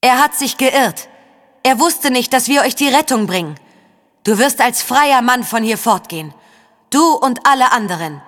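A woman voicing a young woman who speaks through a lying spirit, slow, insistent and persuasive, in an audiobook. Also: high-pitched, expressive, fairly bright tone, in a large hall, pitched above the performer's own voice. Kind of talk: audiobook character voice.

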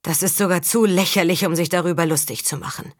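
A woman's voice: fairly low pitch, fast, no echo, clean studio sound, close to an everyday voice. A woman reading a world-weary male mercenary of about forty, blunt and sceptical. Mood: scornful. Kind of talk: audiobook character reading.

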